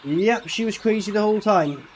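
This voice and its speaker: Watching a horror film, a male reviewer keeps up a sarcastic, profanity-heavy running commentary, mocking it casually. He has a high-pitched voice at normal speed, with a little hiss or hum in the audio.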